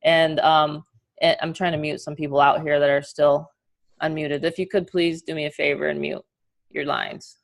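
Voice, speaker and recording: A middle-aged woman with a New York accent presents an online marketing course over a video call, chatty and full of energy. Her voice sits a little low for a woman, and she talks in a motivational, casual way. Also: little pitch movement, moderate pace, vocal fry.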